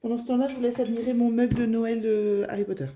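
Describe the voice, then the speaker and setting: A woman's voice: a little high, steady tone, fast, dark tone. A middle-aged woman with a northern French ch'ti accent chatting casually through a crafting unboxing, rambling with lots of fillers. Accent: Picard (ch'ti, northern French). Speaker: crafting vlogger.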